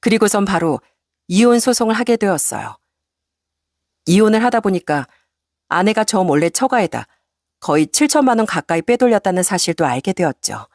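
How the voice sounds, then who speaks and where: Calm woman storyteller, dry sound. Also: mid-range voice, normal speed, no echo. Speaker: story narrator. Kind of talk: scripted first-person narration.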